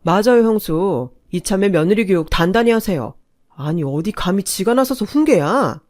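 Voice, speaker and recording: A woman's voice: medium pitch, lively intonation, moderate pace, darkish tone, dry recording, natural voice. A woman voicing a smug middle-aged uncle who mocks and lectures. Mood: mocking.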